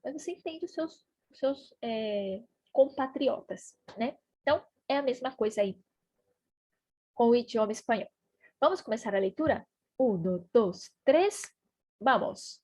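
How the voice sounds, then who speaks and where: A woman teaching a Spanish lesson, slow and deliberate, repeating key words. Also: fairly high pitch, animated, mellow, breathy edge, no echo. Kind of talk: online Bible-based language lesson.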